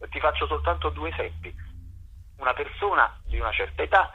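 Guesting on the radio as a theatre author, director, and actor, a man speaks off the cuff in a slightly high, husky, expressive voice at a somewhat quick pace. He talks expansively in long, winding sentences while searching for words, and the audio has phone-like quality.

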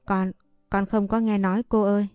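A woman's voice: medium pitch, level tone, normal speed, mellow, smooth, dry recording, clean studio sound, soft background music, close to an everyday voice. A woman reading a storybook voicing a frightened teenage servant girl who stammers and pleads. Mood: nervous.

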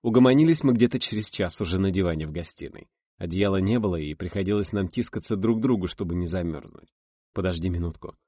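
A man reading a first-person novel aloud as an audiobook narrator, measured and expressive. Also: low-pitched, no echo, clean studio sound.

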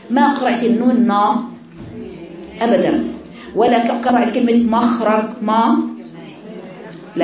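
Fast-talking Egyptian woman teaching in an echoey class. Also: on the high side, warm tone. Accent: Egyptian Arabic. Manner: demonstrates letter sounds by drawing them out and repeating syllables; asks the class questions and answers them herself. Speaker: Quran recitation teacher. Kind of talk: classroom lesson on tajweed letter qualities. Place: classroom with female students. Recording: echoey room, mic far off, students' voices behind.

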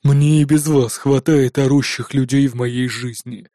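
A man voicing a cold, weary male official who speaks slowly and flatly. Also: medium pitch, no room sound, clean studio sound, pitched below the performer's own voice, lightly acted. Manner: cold, slow, tired.

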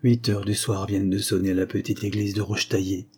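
A man narrating a classic novella as an audiobook in a measured, expressive way. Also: on the low side, husky.

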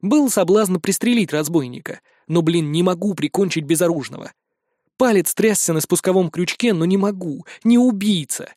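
A man narrating a fantasy adventure in first person, brisk and wry. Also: high voice, darkish tone, dry recording, clean studio sound. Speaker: audiobook narrator.

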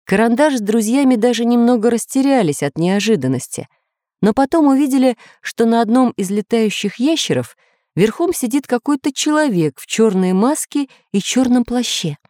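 A woman's voice: a little high, expressive, moderate pace, warm tone, no room sound, studio quality. A woman narrating a children's adventure story expressively, giving each character a voice. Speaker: audiobook narrator.

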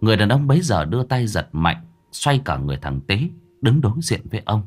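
Man narrating a ghost story, low voice, lively pitch, dramatic and suspenseful, faint background music. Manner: dramatic, suspenseful, slowing for tension. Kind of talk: scripted horror story narration. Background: soft background music.

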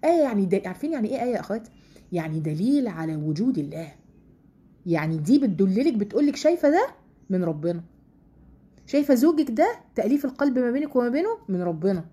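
A woman with an Egyptian accent teaching a casual Quran study lesson to women, talking in a chatty way full of rhetorical questions and slowing down to recite verses. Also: medium pitch, sing-song, warm tone, slightly rough. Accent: Egyptian Arabic.

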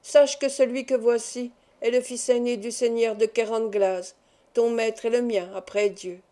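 A woman voicing a spiteful old female nurse who scolds in a shrill, railing voice. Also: steady tone, a little slow, mellow, natural voice. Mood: scolding.

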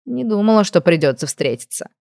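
A woman voicing a calm, amused female nymph mentor who speaks slowly and gently, in a dry, close audiobook reading. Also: medium pitch, vocal fry, dry recording. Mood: gentle. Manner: slow, gentle, knowing.

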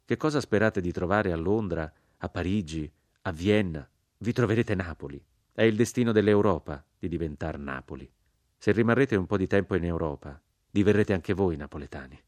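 A man reading a literary audiobook aloud, dry, ironic and deliberate in delivery. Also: low-pitched, a little mellow, dry recording. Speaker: audiobook reader.

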